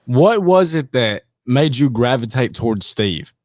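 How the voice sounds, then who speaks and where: A man's voice: medium pitch, animated, a little slow, darkish tone, dry recording, clean studio sound. A man hosting a casual interview, asking questions and playfully teasing his guest. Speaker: podcast host.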